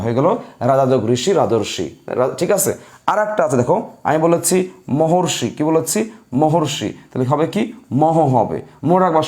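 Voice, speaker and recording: A man teaching an online grammar lesson, repeating each point and quizzing his students. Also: mid-range voice.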